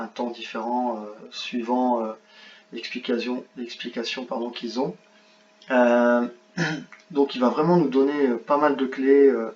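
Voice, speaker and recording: A man talking casually through an online course on screen, hesitating often with filler sounds and restarts. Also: mid-range voice. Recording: roomy, dull lo-fi sound, faint noise.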